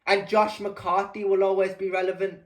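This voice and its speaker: A man's voice: high voice, flat delivery, normal speed. A man losing his voice, giving a heated vlog rant, emphatic and repetitive, swearing often. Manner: emphatic, repeats phrases, swears. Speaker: vlogger.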